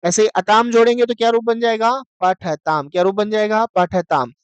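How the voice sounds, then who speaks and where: A man teaching a Sanskrit grammar lesson. He drills verb forms by asking questions and answering them himself, and he chants lists of forms slowly. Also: high-pitched, fairly even intonation, clear, resonant tone, no echo, dull audio.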